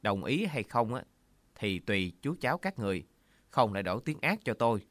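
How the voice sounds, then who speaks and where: A male storyteller voicing a domineering middle-aged aunt who scolds harshly and wails loudly. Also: big pitch swings, normal speed, no echo. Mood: scolding. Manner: shrill, scolding, wailing.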